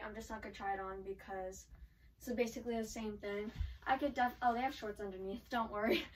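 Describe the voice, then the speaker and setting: A chatty woman vlogger talking through a clothing try-on, her speech full of "like" fillers. Her voice sits fairly high, and she is heard from a little way off the mic. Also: far from the mic, a little hiss or hum, low-quality recording. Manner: chatty, filler-heavy with frequent "like". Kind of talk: casual try-on haul chat. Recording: voice from away from the mic.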